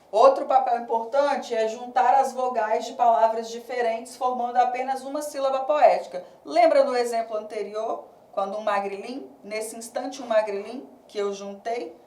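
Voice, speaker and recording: Brazilian woman teacher, slightly high and mellow, patient explainer, recorded from a distance in a reverberant room. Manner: patient, explains step by step, checks in with "né?" and "tá?"; counts syllables slowly and reads verses aloud. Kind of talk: recorded remote class lesson. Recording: echoey room, distant mic.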